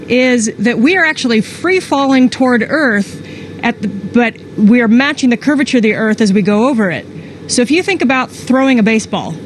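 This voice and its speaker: A middle-aged woman speaking as an astronaut, explaining things step by step with everyday examples into a handheld microphone. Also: a little high. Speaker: astronaut answering students' questions. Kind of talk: plain educational explanation. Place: inside a space station module. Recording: faint noise over a space link.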